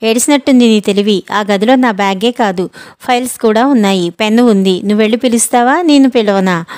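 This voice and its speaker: An impatient young man snaps and scolds in a clipped, sharp way, voiced by a woman reading the story. The sound is dry and close, with no room around it. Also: a little high, brisk, no room sound, close to an everyday voice. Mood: irritated.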